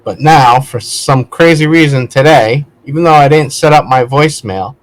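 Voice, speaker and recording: Medium pitch, moderate pace: a man hosting a video vlog in an easygoing, rambling style. He keeps wandering off topic and amending his own statements conversationally.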